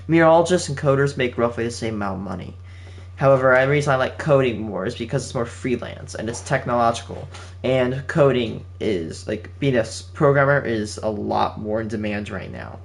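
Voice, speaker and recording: An eighteen-year-old channel host chats casually with his viewers from home in an ordinary mid-pitched, slightly creaky voice, animated and a little fast. He rambles, restarts sentences often, and leans on plenty of fillers. His home mic setup picks up a game console running nearby.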